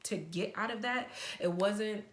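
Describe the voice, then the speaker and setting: Excited rambling woman vlogger. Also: medium pitch, unhurried. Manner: excited, rambling, stutters often. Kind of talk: casual advice talk to camera.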